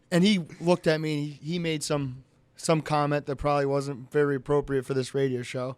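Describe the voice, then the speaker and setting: Animated man telling racing stories. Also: moderate pace, clean tone, no room sound. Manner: animated storyteller, jumps high when quoting others. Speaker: race car driver, guest. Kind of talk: casual storytelling interview.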